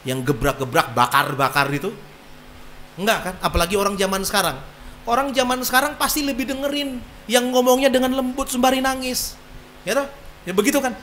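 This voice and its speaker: A man's voice: very high-pitched, fairly quick, slight background noise. A male preacher delivers a sermon. His talk is loose and colloquial and full of energy. He often breaks into acted-out voices for the people in his story. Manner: animated, colloquial, acts out voices. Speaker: pastor.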